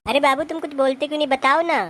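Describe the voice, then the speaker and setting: A man's voice: very high voice, steady tone, quick pace, pushed and bright, pitched above the performer's own voice. A man voicing a bossy young wife who dotes on her little brother-in-law and scolds her husband. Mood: doting, scolding. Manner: scolding, fussing, domineering. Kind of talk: comedy sketch acting.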